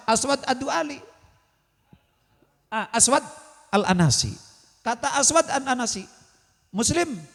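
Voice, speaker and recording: A man's voice: very high-pitched, fairly bright tone. A man preaching at a religious study session, telling a story and putting questions to his listeners, then answering them himself. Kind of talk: Islamic study sermon on radio. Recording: radio broadcast with long hall reverb.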